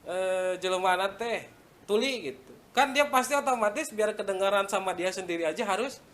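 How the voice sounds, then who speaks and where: A man's voice: sits high, moderate pace, a bit bright. A man with a Sundanese accent giving a casual religious lesson, talking conversationally and reciting Arabic phrases. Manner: conversational, mixing in local words and Arabic recitation. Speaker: Islamic religious teacher.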